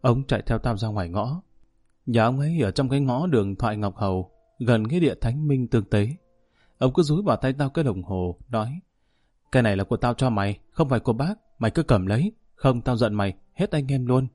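A man voicing a sad young runaway son who quietly tells of his hardships in an audiobook story. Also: mid-range voice, lively intonation, brisk, no echo, faint music behind, close to an everyday voice.

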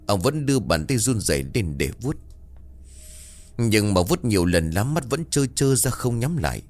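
A man reading a scripted ghost story in a solemn, measured, emotive way. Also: fairly low pitch, darkish tone.

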